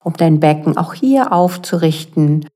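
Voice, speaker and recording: A woman leading a guided mindfulness exercise as a yoga guide, speaking calmly and gently with unhurried pauses. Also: deep voice. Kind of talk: guided meditation narration. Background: soft relaxation music.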